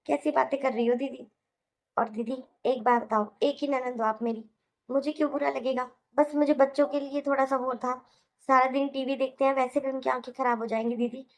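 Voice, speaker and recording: A woman voicing a patient young housewife in a cartoon, reasoning gently and pleading with a Hindi accent. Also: sits high. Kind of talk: cartoon voice acting.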